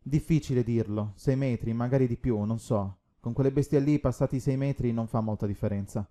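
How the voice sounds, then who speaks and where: A man reading the part of a gruff, blunt shark hunter who swears often, in an audiobook. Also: mid-range voice, brisk, mellow, lightly acted.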